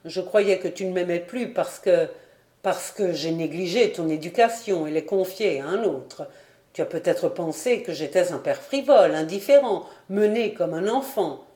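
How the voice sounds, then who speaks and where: A woman's voice: lowish voice, animated, mellow, echoey room, lightly acted. A woman voicing a breezy, proud middle-aged painter father in a storybook reading. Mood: reassuring. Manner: light, brisk, then cold and clipped.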